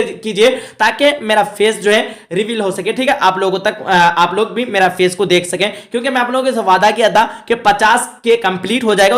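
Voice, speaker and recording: A man's voice: sits high, a bit bright. A man teaching an online exam-prep class, going through the answers one by one. He asks a question, then answers it himself. He keeps checking in with the students as he goes. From India. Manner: explains step by step, often asks and answers his own questions; repeats "thik hai" to check in with students.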